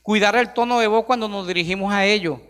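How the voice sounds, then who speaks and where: A man's voice: high voice, fast talker, fairly bright tone, clear, resonant tone. A middle-aged man preaching a sermon in a church, emphatic and full of rhetorical questions to the congregation. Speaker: pastor. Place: church sanctuary. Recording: long hall reverb.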